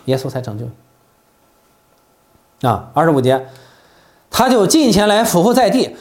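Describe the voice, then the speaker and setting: A man preaching a sermon, animated, asking the listeners rhetorical questions and coughing now and then. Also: a little high.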